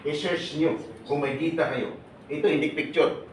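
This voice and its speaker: A man giving a lively seminar talk to a live audience, joking and asking the listeners questions. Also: a little high, moderate pace, a little hiss or hum. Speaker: seminar speaker for overseas workers. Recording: echoey hall, voice from far off.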